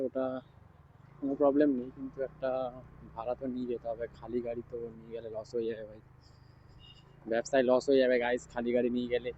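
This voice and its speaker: A man talks casually and quietly as he rides a scooter taxi through city streets, speaking into an action camera microphone. The audio is slightly dull and muffled. Faint traffic and wind noise sit behind his voice. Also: medium pitch. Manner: talks quietly because his mic distorts. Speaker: bike taxi rider vlogging. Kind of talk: casual ride-along vlog chat. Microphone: action camera mic while riding.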